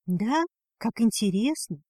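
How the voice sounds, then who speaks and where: A woman reading a storybook, voicing a young female dragon bride who speaks soft and breathless. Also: mid-range voice, lively intonation, unhurried, dry recording. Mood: tender.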